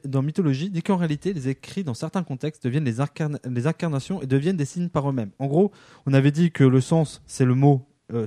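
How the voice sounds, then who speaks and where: A man under fifty giving a comic spoken column, acting out quick bits of dialogue in a lively way. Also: on the high side, no room sound, clean studio sound. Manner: lively, acts out quick dialogue in different voices.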